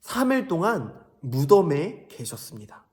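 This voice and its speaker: Young male kids' preacher, higher voice, lively questioning storyteller. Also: unhurried. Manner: animated storytelling, asks kids questions. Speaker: children's ministry preacher. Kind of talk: children's sermon.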